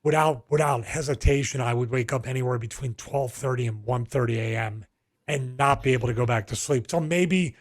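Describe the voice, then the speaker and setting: A man's voice: mid-range voice, a little fast. A middle-aged man with a Philadelphia accent, co-hosting a podcast in casual, rambling chat full of restarts. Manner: rambling, storytelling with frequent restarts and fillers. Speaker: podcast co-host.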